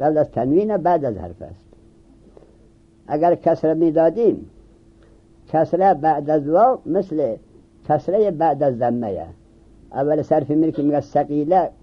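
A man's voice: fairly high pitch, husky. Man teaching, quizzing his class. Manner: questions students and answers himself. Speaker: seminary teacher. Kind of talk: classroom lecture on Arabic grammar. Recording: dull lo-fi recording.

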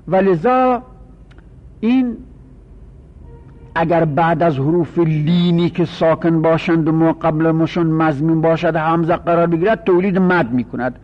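A man teaching Quran recitation rules in a classroom lecture, explaining and repeating example words with drawn-out and clipped pronunciations. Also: on the high side, lo-fi sound.

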